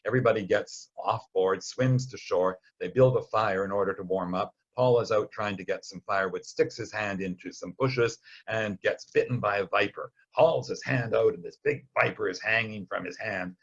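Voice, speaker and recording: In a muffled recording, a male Bible study teacher with a fairly low voice talks at normal speed, barely pausing. His lesson is casual and explanatory, told like a story with wry asides and brief quotes acted out.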